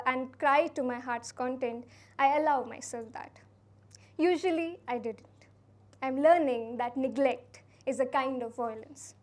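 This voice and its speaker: A young woman with a high, light voice reads her slam poem gently and earnestly. She is from India and takes her time, letting each line land softly at a college poetry event. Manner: soft, earnest, unhurried delivery. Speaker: slam poet. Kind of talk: spoken word poetry performance.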